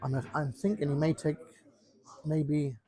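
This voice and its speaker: A man's voice: fairly high pitch, flat delivery, unhurried, warm tone. A man giving casual, jokey live commentary on a pool match, rambling and repeating himself. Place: pub during a pool match.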